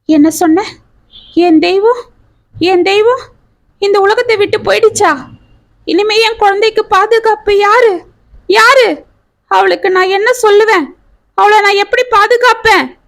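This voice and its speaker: A woman's voice: high voice, fairly even intonation, unhurried. A woman voicing a grieving middle-aged widowed mother who tells her story in a heartfelt, pleading way. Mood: anguished wailing. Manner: heartfelt confessional telling.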